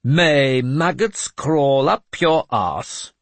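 He plays a sly, mad man who calls himself a bishop, preaching in a high, slow, sing-song manner with a lofty air. The delivery is animated and there's no echo.

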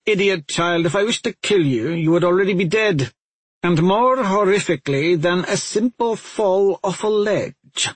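A stern older witch gives orders with cold, impatient scorn, voiced by a man reading a storybook. The voice is husky and raised in pitch. The recording is close and dry. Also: very animated, measured pace, no echo, heavily acted. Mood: imperious.

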